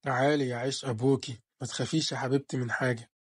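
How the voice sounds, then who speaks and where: A man's voice: on the high side, steady tone, quick pace, slightly rough, no room sound, studio quality. A man voicing a protective doting father. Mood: tender. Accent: Egyptian Arabic.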